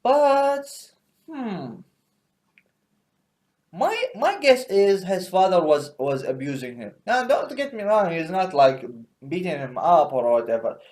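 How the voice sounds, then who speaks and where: A man's voice: sits high, very animated, takes it slowly, a little mellow. A man doing a rambling, profane stand-up comedy monologue, full of fillers and asides.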